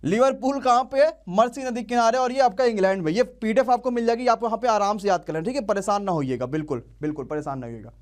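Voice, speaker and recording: A young man teaching an online exam-prep class, quizzing students and drilling answers call-and-response style. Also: sits high.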